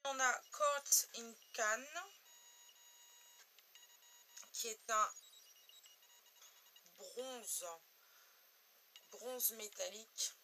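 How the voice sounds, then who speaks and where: A woman from France reviewing makeup swatches in a home beauty video, talking slowly and letting repeated words fade quietly. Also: a little high, a little hiss or hum, low-quality recording. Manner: slow, drawn-out, trails off quietly on repeated words. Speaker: beauty blogger.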